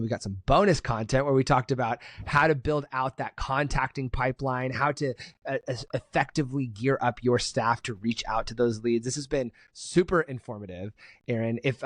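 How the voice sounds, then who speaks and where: A man hosting a podcast, speaking at a middle pitch in a close, dry recording. He chats casually and tells animated stories, acting out the people he quotes. His voice sits squarely in the middle range. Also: no echo. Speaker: podcast host. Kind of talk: casual interview chat.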